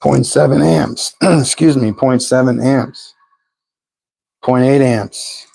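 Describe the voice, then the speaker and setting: A man's voice: medium pitch, slow pace, vocal fry, warm tone, dry recording, low-quality recording. A man hosting a live stream from a home workshop, streaming by phone and calling out meter readings with chatty asides. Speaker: host of a pulse motor channel. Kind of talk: live-stream tinkering commentary.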